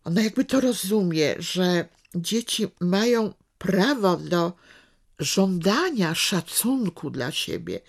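Brief: woman reader and commentator, slow and measured, lower tone, wide pitch movement. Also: animated, creaky. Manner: slow, thoughtful, hesitant with fillers. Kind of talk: reading a novel aloud, then commenting.

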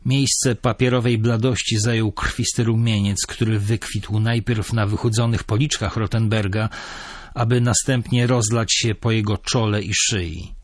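A man narrating a crime novel as an audiobook in an even, measured manner. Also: on the low side, no room sound, clean studio sound.

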